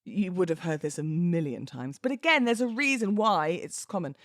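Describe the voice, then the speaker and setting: A British woman hosts a solo podcast, chatting informally and poking fun at herself while also reading passages aloud. Her voice sits on the low side and sounds animated at a moderate pace. The recording is dry and clean, with studio quality.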